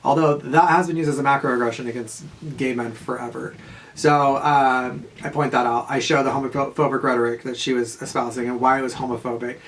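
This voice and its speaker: A man, telling a casual, profane story in a rambling monologue full of fillers and quick laughs. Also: mid-range voice, fairly even intonation, fairly bright tone, a little hiss or hum. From Southern California. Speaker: vlogger.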